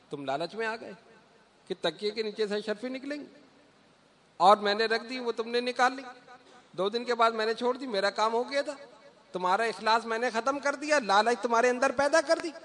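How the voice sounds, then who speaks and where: A cunning devil speaks in a low, confiding, taunting tone, his voice high and bright. A male preacher plays him inside a sermon story. He sounds smug and sure of his trick. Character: sly male devil gloating over a tempted worshipper.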